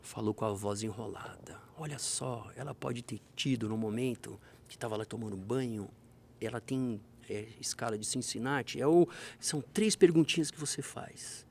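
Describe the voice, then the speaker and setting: A fire brigade major with a lowish, creaky voice tells emergency stories during a conversational interview, vividly acting out the dialogue. He speaks at a moderate pace, with slight background noise.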